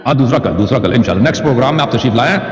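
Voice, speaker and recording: A man's voice: mid-range voice, lively intonation. A man hosting a heated religious debate, needling and argumentative, pressing his opponent with the same challenges again and again. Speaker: debate host. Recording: echoey, long reverberant sound.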